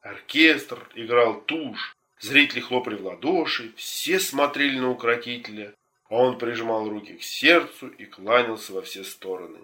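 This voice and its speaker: A man narrating a children's story in a gentle storytelling manner. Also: mid-range voice, moderate pace. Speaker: audiobook narrator.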